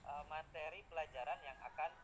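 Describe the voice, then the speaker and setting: Chatty middle-aged male lecturer, slightly high voice. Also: fairly even intonation, fairly quick, poor audio. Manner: chatty, with frequent tag words and hesitations. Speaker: teacher-training lecturer giving feedback. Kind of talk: informal evaluative lecture.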